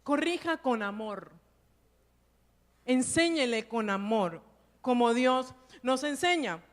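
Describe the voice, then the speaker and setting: A woman's voice: fairly high pitch, animated, slow. A woman pastor preaching a sermon in a church. She tells stories and keeps checking in with her listeners through rhetorical tag questions. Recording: long church reverb.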